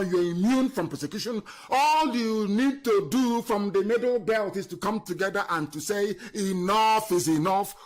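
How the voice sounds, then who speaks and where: Man, high voice, fiery political monologue, scornful, loud then muttering, live stream. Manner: fiery, scornful, repetitive insults; swings between loud emphasis and low muttering. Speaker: political broadcaster.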